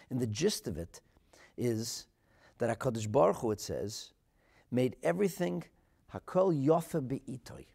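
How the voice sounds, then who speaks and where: A rabbi and Torah teacher with a North American accent delivers a religious sermon in a medium-pitched, slightly breathy voice. He is emphatic and dramatic, swinging from hushed asides to loud declarations, and he phrases things deliberately, repeating lines for rhetorical effect.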